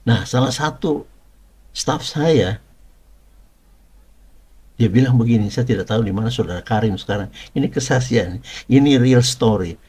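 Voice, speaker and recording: A man's voice: mid-range voice, moderate pace, pauses often, a little mellow, slightly rough. A middle-aged man preaching and telling a personal testimony, in a conversational style full of rhetorical questions and emphatic repetition.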